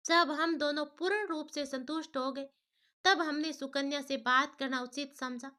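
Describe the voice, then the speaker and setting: Woman storyteller, high clear bright tone, steady scripted narration. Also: moderate pace. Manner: steady, plain first-person telling.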